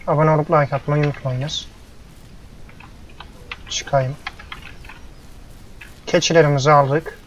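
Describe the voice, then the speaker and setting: A young man doing casual gameplay commentary, his fairly high voice turning exasperated as he scolds and coaxes stubborn farm animals. It comes through a muffled, lo-fi headset microphone with a faint hiss of background noise. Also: steady tone, slow pace, pauses often. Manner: frustrated, grumbling, talks to the animals. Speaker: gameplay YouTuber. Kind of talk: casual let's-play commentary.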